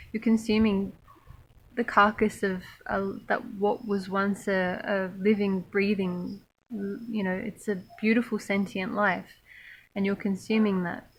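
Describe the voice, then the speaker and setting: A woman raised in Australia, talking thoughtfully to camera about her spiritual path, pausing often with fillers. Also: mid-range voice, poor audio. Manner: slow, thoughtful, many pauses and fillers. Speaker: spiritual monastic vlogger. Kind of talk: reflective personal talk to camera.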